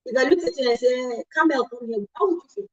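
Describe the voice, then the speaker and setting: A middle-aged woman hosting a talk show, animated, with many asides and self-corrections. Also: sits high, rapid-fire, muffled recording. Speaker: host.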